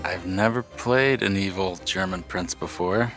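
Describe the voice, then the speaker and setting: Low-voiced actor, easygoing interview. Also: male voice, unhurried, fairly bright tone, soft background music. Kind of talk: behind-the-scenes interview.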